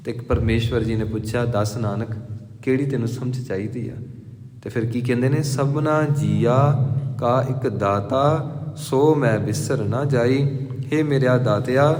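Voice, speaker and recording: A man's voice: mid-range voice, a little mellow. Man preaching in an echoey hall. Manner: explains verses slowly, repeating lines for emphasis. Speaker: Sikh preacher giving scripture commentary. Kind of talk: sermon. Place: gurdwara hall.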